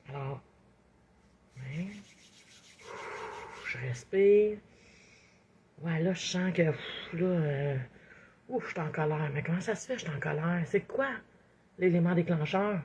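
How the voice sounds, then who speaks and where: A woman with a Québécois French accent speaking casually as an inspirational speaker, expressive and acting out her inner thoughts, with many asides like "hein". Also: on the low side, takes it slowly, long pauses, muffled recording, slight background noise. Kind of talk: casual motivational monologue.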